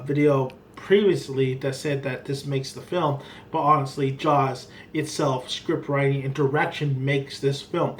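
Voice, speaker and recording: Higher-voiced man reviewing films, noisy background. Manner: rambling, emphatic, repeats himself. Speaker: film reviewer. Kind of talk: casual unscripted film review. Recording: clearly noisy background ambience.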